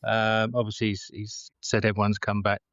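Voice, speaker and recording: A low-voiced man talks casually as a podcast co-host, sitting outside in his back garden. The sound is close and dry, with a slightly dull, lo-fi edge. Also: completely flat delivery, moderate pace, a bit bright, no room sound. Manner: speaking casually outdoors from the garden. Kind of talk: casual sports chat. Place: outdoors in a home garden.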